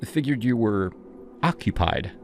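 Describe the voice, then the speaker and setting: A man's voice: medium pitch, animated, measured pace, voice pushed up. A man voicing a creepy mid-twenties male delivery driver who talks in a sleazy drawl broken by wheezing chuckles. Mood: leering, sleazy.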